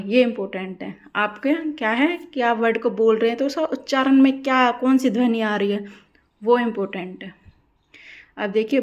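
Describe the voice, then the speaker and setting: A woman teaching an English grammar lesson for exam students, asking questions and answering them herself, repeating key words slowly. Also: a little high. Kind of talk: classroom-style lesson explaining grammar.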